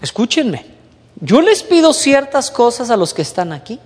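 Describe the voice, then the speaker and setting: Animated preacher in an echoing hall. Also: male voice, normal speed. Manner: lively preaching, mimics whiny teen voices, drops low for emphasis. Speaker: youth pastor. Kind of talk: sermon.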